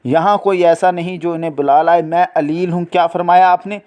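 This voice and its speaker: A man's voice: on the high side, fairly even intonation, a little fast, darkish tone, close to an everyday voice. A man playing a sick, irritable middle-aged husband in a dramatic reading, groaning and complaining. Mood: grumbling.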